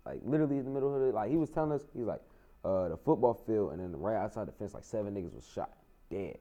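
A man's voice: on the low side, expressive, dark tone. A young man chatting casually with friends, full of slang and repeated "bro". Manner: fast slangy banter, lots of "bro". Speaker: group member. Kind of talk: casual chat.

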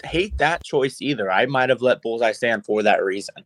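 A man's voice: mid-range voice, expressive, normal speed, fairly bright tone. A man co-hosting a podcast in casual chat, playful and laughing often. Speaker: podcast co-host.

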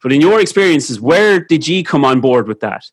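A man's voice: a little high, big pitch swings, moderate pace. A man with an Irish accent hosting a podcast interview in a chatty, jokey way.

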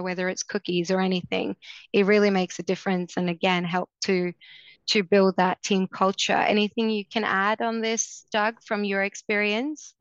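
A woman moderating a panel discussion, measured and encouraging as she hands questions to the guests. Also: medium pitch, fairly bright tone, no echo, dull audio. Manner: measured, encouraging, frequent fillers.

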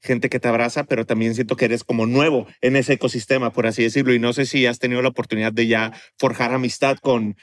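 A man's voice: mid-range voice, level tone, fast, few pauses. A man with a Mexican accent asking casual, roundabout questions as an interviewer.

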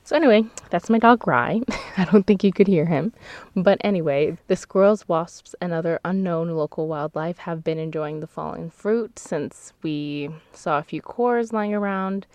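Speaking at normal speed from a closet packed with clothes, a woman hosts a casual seasonal podcast in a somewhat low, darkish voice. The close mic and padding leave the recording very dry and dead. She chats freely, laughs easily, and fixes her slips mid-sentence.

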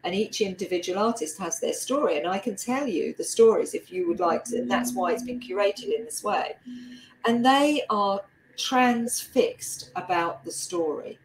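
A woman's voice: mid-range voice, expressive, normal speed. A woman with a slight South London twang, hosting a casual interview in a chatty, laughter-prone way. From lived a long time in South London. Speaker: interview host. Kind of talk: casual video-call interview. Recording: roomy echo, faint background noise.

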